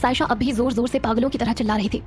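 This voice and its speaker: A woman narrating a romantic audio series in a steady storytelling manner. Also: a little high, racing, soft background music.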